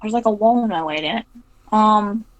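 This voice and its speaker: A woman's voice: medium pitch, normal speed, dry recording, rough recording. A woman playing a tabletop game over voice chat, thinking aloud in a casual way and swearing when flustered.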